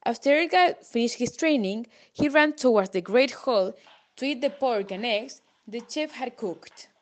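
A woman's voice: fairly high pitch, expressive, moderate pace. A woman reading a storybook aloud, plainly and with small slips.

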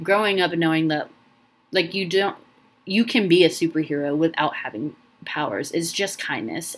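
A young woman with a low voice talks through a casual podcast on her own. She rambles warmly, full of ums and restarts, and sounds emotional, close to tears. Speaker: podcast host. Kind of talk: casual solo podcast talk.

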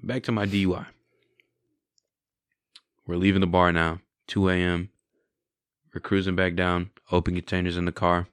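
This is a deep, level-toned male voice at a moderate pace with long pauses, clean and echo-free. The speaker, a man in his twenties, recounts his testimony in relaxed conversational storytelling, reflective and candid, with plenty of "right?" and "you know."

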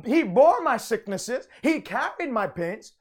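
A man's voice: very high-pitched, sing-song, a little slow, breathy edge. A man preaching a conversational broadcast sermon, speaking in fervent, emphatic declarations and often repeating or restarting his phrases.

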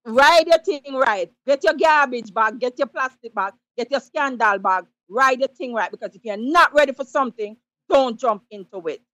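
A woman's voice: on the high side, moderate pace, sharp tone, no echo. A Jamaican woman calling in to a talk show, giving emphatic, preachy advice in patois. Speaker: caller. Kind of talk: call-in radio commentary.

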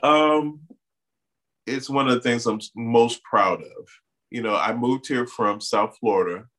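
This interview guest, an artist and community organizer of Bahamian origin who grew up in Miami, speaks at medium pitch in an unhurried way. His storytelling is animated and sprinkled with many "you know" fillers.

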